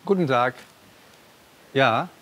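A man's voice: medium pitch, slow pace, bright, forceful tone, rough recording. A man playing a polite hotel receptionist.

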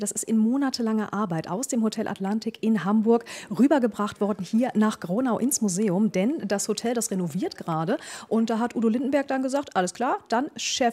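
Mellow-voiced woman reporting live. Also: medium pitch. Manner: chatty, enthusiastic, with some fillers. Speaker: field reporter.

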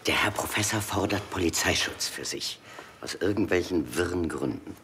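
A man playing a gruff, impatient official with a brusque, exasperated manner. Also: deep voice, animated, moderate pace, background noise.

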